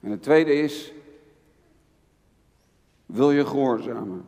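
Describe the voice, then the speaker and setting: A man's voice: medium pitch, expressive, slow, mellow. A middle-aged man preaching a sermon, fervent and pastoral, speaking directly to his listeners. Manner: fervent, rising to impassioned pleading. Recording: reverberant hall.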